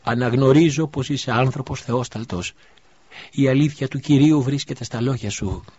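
A man voicing an overwhelmed widow and mother in an audiobook, pushing his voice very high and loud with passion. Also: expressive, breathy edge. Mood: fervent. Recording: dull lo-fi recording.

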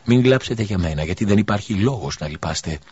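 A man's voice: fairly low pitch, expressive, a little mellow. A man reading an audiobook voices a dying widow mother who speaks weakly, pleading and tender. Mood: tender farewell. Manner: faint, pleading, breathy delivery. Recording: dull lo-fi recording.

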